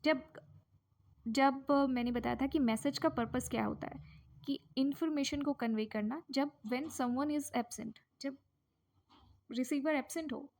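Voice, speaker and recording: Woman teacher explaining, slightly high voice. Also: a little mellow. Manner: explanatory, rhetorical questions she answers herself; slows down reading English phrases. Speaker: English exam teacher. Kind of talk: explaining lesson in mixed Hindi and English.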